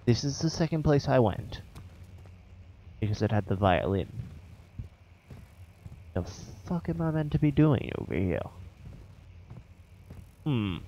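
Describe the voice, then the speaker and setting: A man's voice: medium pitch, sing-song, slow, long pauses, dark tone, highs cut off, slight background noise. A man with an accent commentating his own horror game play, swearing and joking as he talks to the game. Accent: non-standard, says he has an accent. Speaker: gameplay commentator.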